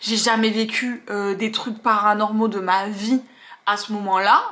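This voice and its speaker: A woman's voice: medium pitch, moderate pace. A woman tattoo artist telling stories from her work in a vlog, acting out the scenes and the things people said as she goes. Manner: animated, acts out scenes and quotes. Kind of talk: storytelling vlog.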